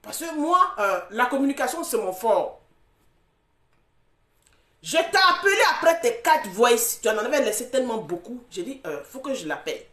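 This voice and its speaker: Confrontational woman, high lively voice, mocking laughs, echoey room. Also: moderate pace. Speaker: social media commentator. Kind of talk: heated live argument.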